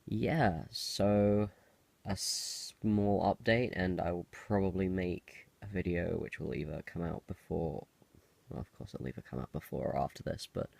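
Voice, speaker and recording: A young man with a cold, which makes his voice a bit harsh, gives a casual, rambling personal update as a video diarist. His low, gravelly, slightly mellow voice is a little slow, with no room sound, and he speaks hesitantly, interrupting himself.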